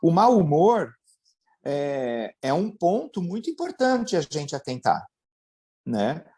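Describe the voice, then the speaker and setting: A man's voice: fairly high pitch, wildly swooping pitch, slow, warm tone. A man speaks as a psychologist guest in an interview. He explains patiently, tacking tag questions onto his phrases and slipping into little voiced quotes of everyday people.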